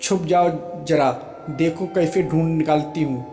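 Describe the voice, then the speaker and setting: A man reading a loving young wife, quick to scold. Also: a little high, mellow, natural voice. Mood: teasing. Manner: emotional, pleading then playfully scolding. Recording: roomy echo with faint music.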